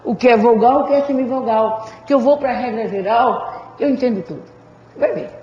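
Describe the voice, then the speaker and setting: A woman teacher giving a grammar lesson, who draws words out slowly to stress their syllables and calls her students "gente" and "amores". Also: fairly high pitch. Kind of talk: classroom lecture for exam prep. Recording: echoey hall, dull lo-fi sound.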